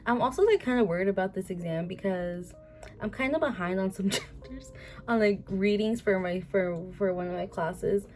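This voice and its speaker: A woman's voice: medium pitch, normal speed, darkish tone, soft background music. A woman in her twenties chatting casually to camera, rambling with many fillers and restarts. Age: 20s. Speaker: vlogger.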